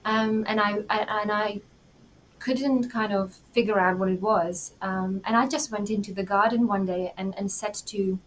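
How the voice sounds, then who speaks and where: A woman in her thirties with a Czech accent, chatting as an interview guest, warm and giggly with many pauses and fillers. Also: medium pitch, steady tone, a little hiss or hum, poor audio. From Czech Republic. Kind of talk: casual interview talk.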